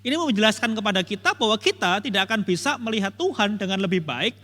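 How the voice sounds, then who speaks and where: High-voiced man teaching Bible study. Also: animated, fast, pushed and bright, big-room sound. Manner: repetitive, emphatic retelling with many "begitu ya" tags; addresses listeners directly as "Bapak Ibu". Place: church hall.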